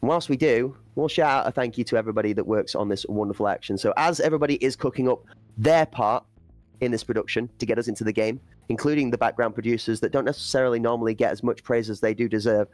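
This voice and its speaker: A man's voice: mid-range voice, quick pace, a little mellow, no room sound. A man commentating an esports playoff, breaking down play and building hype for the chat. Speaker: esports caster.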